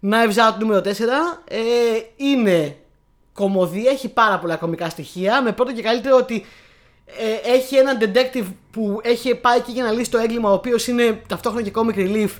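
A woman co-hosting a podcast, chatting enthusiastically about films. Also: fairly high pitch. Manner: chatty, enthusiastic, laughs easily. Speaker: podcast co-host. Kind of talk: casual chat about films.

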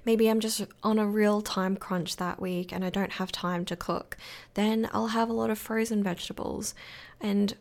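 A young woman talks through her solo podcast in a loose, rambling way, full of fillers and gentle reassurance. Her morning voice is gravelly with fry and keeps cracking. She sits in a mid-range pitch for a woman. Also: steady tone, moderate pace. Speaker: podcast host. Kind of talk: casual solo podcast talk.

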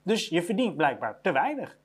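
A speaker delivers a motivational monologue with a blunt, no-nonsense edge. The same short phrases come back again and again, stacked up to drive each point home. The voice sits at a middle pitch and talks as a business owner addressing employees. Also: sing-song, moderate pace, husky. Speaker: business owner giving career advice.

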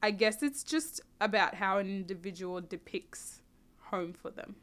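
A young woman from South Sudan, answering interview questions in a relaxed, reflective way, often restarting and adding "you know". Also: mid-range voice, unhurried. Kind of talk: casual conversational interview.

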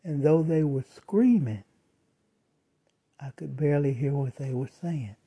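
A storyteller calmly recounting a first-person eerie encounter with measured pauses. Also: mid-range voice, breathy edge. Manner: slow, measured retelling with dramatic pauses.

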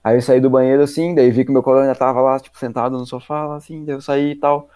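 A man's voice: mid-range voice, little pitch movement, very fast, mellow, clear, resonant tone, dry recording. A young man telling a story in a slangy, rambling way full of fillers on a casual podcast.

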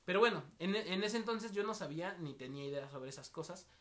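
Speaking fast in a high voice with lively intonation, a young podcast co-host from the State of Mexico spins casual anecdotes in Mexican-accented Spanish, using slang and performing the voices of the people he quotes.

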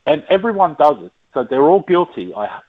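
A man's voice: on the high side, sing-song, fairly quick. Man, Australian accent, blokey and blunt, exasperated casual ranting, tinny phone-quality audio, podcast panellist.

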